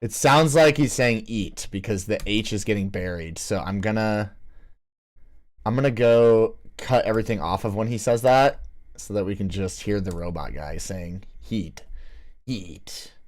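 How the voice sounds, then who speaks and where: A man's voice: on the low side, normal speed. A man in a casual commentary as a music producer, talking to himself with fillers and restarts. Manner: rambling self-talk with fillers and restarts. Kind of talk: casual screen-recorded commentary.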